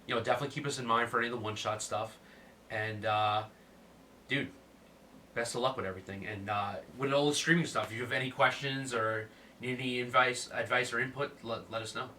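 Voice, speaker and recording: Stuffed up with a cold, this male podcast host stays relaxed, laughing often and dropping plenty of fillers into the casual conversation. His mid-range voice sounds bright and forceful. The recording is distant and carries slight background noise.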